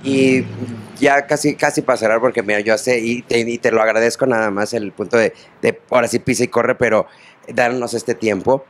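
A man's voice: medium pitch, steady tone, normal speed. A man with a Mexican accent hosting an interview, asking long, meandering questions full of fillers. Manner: rambling, hesitant questions with many fillers. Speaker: interview host. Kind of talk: casual interview.

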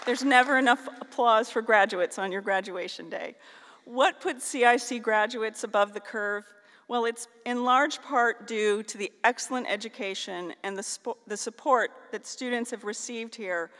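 A woman's voice: on the high side, a bit bright. Woman giving a ceremonial speech in a hall. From northeastern Ohio, US. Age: middle-aged. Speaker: keynote speaker at a graduation. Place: large auditorium stage. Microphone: podium microphone on a stand. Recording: long hall reverb.

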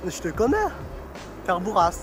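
A man, a passerby, in quick street banter. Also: sits high, music in the background. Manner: rapid, switches between French and Arabic dialect. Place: city street outdoors. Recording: noisy street, phone camera.

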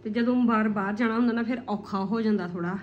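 A woman's voice: medium pitch, steady tone, quick pace, highs cut off. A woman, chatting casually for a family vlog into a phone at home. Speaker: vlogger and mother of a toddler. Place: living room at home, indoors. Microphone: phone at arm's length. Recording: noisy phone recording in a room.

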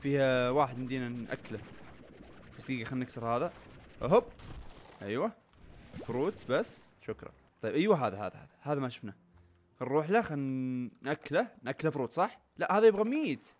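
A young man, chatting excitedly to viewers as he plays a video game. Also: medium pitch, quick pace, pauses often, a little hiss or hum. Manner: excitable, chatty, talks to viewers while playing. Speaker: gaming YouTuber. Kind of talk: casual let's-play commentary. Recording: faint game music behind.

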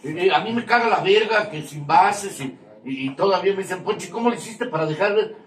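A man's voice: sits high, fairly quick, a bit bright. An older man with a Mexican accent speaks to a recovery group, crude, mocking and confrontational, swearing constantly and laughing at his own jabs. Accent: Mexican Spanish. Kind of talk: profane testimony to a support group. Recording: echoey room, mic far off, faint noise.

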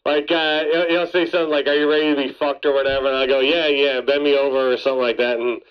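A man in his thirties chatting casually and haltingly into a studio microphone. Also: fairly high pitch, level tone, clear, resonant tone, highs cut off. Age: 30s. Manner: hesitant, halting. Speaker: show staffer being interviewed. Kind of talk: casual chat. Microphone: studio gooseneck microphone.

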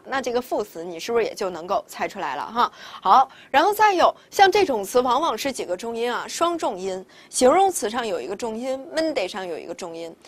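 女老师，讲课时不停自问自答. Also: female voice, a little high. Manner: explains step by step, asks rhetorical questions. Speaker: Spanish teacher. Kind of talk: recorded vocabulary lesson.

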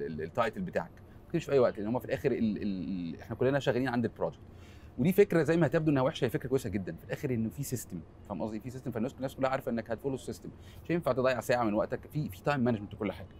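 Egyptian guy in his 40s talking super fast, earnest, lots of trailing fillers, faint ambient hum behind. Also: medium pitch, a little mellow. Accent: Egyptian Arabic. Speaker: film editor, interview guest. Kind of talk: candid interview conversation.

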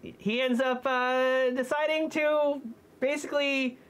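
A woman in a costume head, chatting casually as co-host of a movie review, hesitant and often pausing to find her words. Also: sits high, steady tone, clean tone. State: speaking through a costume head.

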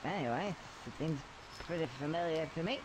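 A man's voice: a little high, expressive, brisk, very noisy, natural voice. A man voicing a wry, boozy cartoon squirrel in a video game, with a rambling manner. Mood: drunk, woozy. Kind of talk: scripted video game character dialogue and narration. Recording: game audio under music and chatter.

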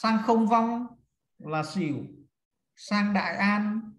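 A man teaching a class, counting and explaining steps one by one to his students. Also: sits high. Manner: slow, step-by-step counting and instructing. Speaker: feng shui teacher. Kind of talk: classroom lesson. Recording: echoey room.

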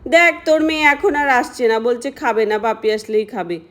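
A woman voicing a gentle aunt who coaxes a child to come and eat, in a doll-play story. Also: on the high side, moderate pace, lightly acted. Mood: complaining. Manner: coaxing, pleading.

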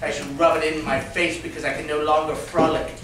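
On a small theater stage before an audience, a man improvises a comedy scene, chatty, laughing, and acting mock-perturbed. His voice is a little high, fairly bright, and fairly quick with a flat delivery. A far room mic picks him up, so the sound is echoey, distant, and somewhat noisy.

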